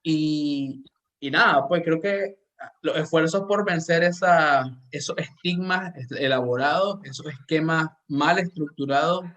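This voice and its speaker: A man with a Central American Spanish accent hosts a casual podcast conversation, speaking earnestly and reflectively and often restarting his sentences. His voice sits on the high side, a little slow and a bit bright.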